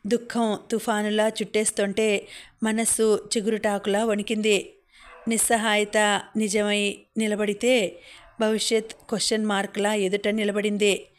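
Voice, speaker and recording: Woman reading a novel in an even tone. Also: mid-range voice. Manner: steady, measured storytelling. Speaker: audiobook narrator. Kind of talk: scripted first-person novel narration.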